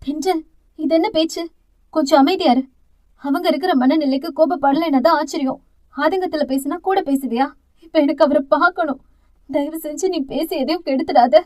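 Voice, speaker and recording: A woman's voice: very high-pitched, steady tone, fairly quick, a little mellow, voice pushed up. A woman voicing a guilt-ridden young woman who pleads through tears, her voice breaking, in an audio novel. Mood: tearful pleading.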